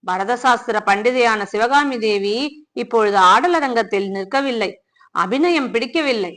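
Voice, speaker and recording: A woman's voice: on the high side, unhurried, fairly bright tone. A woman voicing a proud young prince who teases and then pleads with the woman he loves, in a storybook reading. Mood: mocking.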